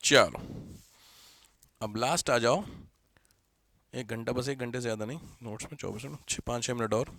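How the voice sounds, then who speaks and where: A man teaching a Hindi grammar class, repeating examples slowly, often asking the students whether they have understood and mixing English words into his Hindi. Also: medium pitch, fairly bright tone, dry recording. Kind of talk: classroom lecture.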